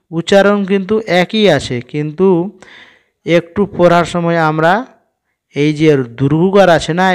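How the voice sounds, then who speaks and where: A man teaching children to read, patiently spelling each word syllable by syllable before saying it slowly. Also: fairly high pitch, darkish tone, clear, resonant tone. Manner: patient, asks the listener questions. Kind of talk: reading lesson for children.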